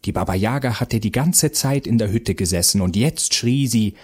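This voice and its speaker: A man narrating a children's fairy tale aloud in a slow, expressive storytelling manner. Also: on the low side, husky.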